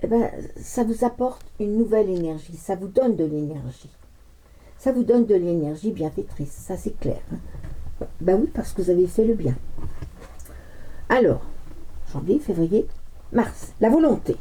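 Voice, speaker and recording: A woman's voice: medium pitch, expressive, measured pace, long pauses, warm tone, poor audio. A middle-aged woman doing a casual, rambling card reading, chatting with fillers and laughs and coughing now and then. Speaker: card reader. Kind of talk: casual tarot reading chat.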